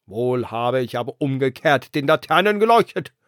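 A man voicing an aloof waning moon in a storybook reading, loud and dismissive. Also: mid-range voice, sing-song, normal speed, dry recording, studio quality. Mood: haughty.

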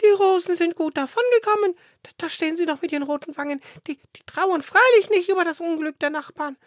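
A man voicing quarrelsome young sparrows in a squeaky, breathless chirping voice. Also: a bit bright, dry recording, clean studio sound. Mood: indignant. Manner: hurried and quarrelsome. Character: squabbling young male sparrows, cocky and shrill.

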